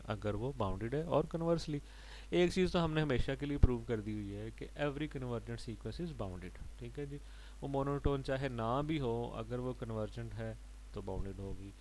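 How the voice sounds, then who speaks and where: A man's voice: mid-range voice, darkish tone, a little hiss or hum, rough recording. Man giving a patient maths lecture. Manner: explains step by step, mixing English terms and often adding "ठीक है जी".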